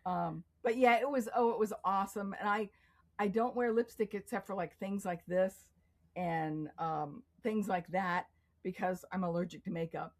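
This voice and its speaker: Casting: middle-aged woman, chatty interview guest, animated storyteller who acts out quotes. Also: medium pitch, moderate pace. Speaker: guest artist. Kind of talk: casual interview conversation.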